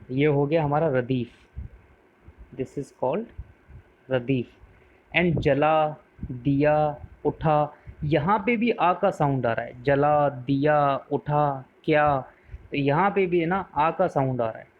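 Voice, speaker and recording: Man teaching poetry on a tinny line. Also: a little high. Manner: patient, repeats key words, asks the viewer questions; mixes English words into explanations. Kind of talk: explanatory lesson. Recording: narrow phone-like sound.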